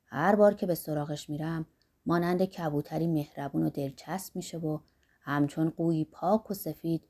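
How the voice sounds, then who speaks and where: A woman voicing a rough, lusty old man who talks bluntly and boastfully about life and age. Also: low voice, dark tone, pitched below the performer's own voice. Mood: earthy musing.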